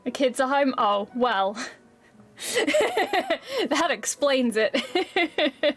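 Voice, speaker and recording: A woman streamer chatting casually with her live viewers, bubbly and excitable, laughing often and swearing freely. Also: sits high, slow, soft background music.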